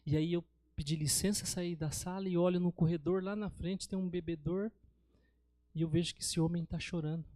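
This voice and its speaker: A man's voice: a little high, steady tone, moderate pace, darkish tone, dry recording, studio quality. A man with a Brazilian accent preaching a sermon in church, telling stories and often calling his listeners brothers. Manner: storytelling, addresses listeners as brothers.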